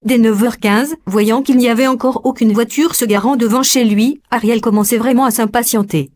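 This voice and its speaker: A woman narrates a story aloud, her voice sitting slightly high. Her delivery is even and measured, in a steady storytelling rhythm.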